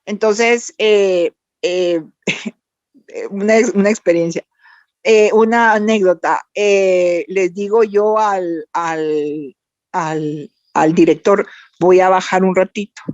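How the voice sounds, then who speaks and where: A woman's voice: mid-range voice, slow, dry recording, dull audio. A Guatemalan woman, a voice actress guest on a podcast, telling stories animatedly with lots of fillers. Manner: animated storytelling with many fillers. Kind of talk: casual podcast interview.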